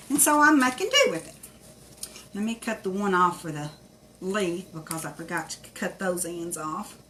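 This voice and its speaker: A woman's voice: mid-range voice, a bit bright, slight background noise. A woman from Tennessee with an Appalachian accent, chatting in a folksy way as she hosts a casual live craft demonstration. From Tennessee, United States. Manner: folksy, chatty, thanks viewers by name. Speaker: craft tutorial livestream host.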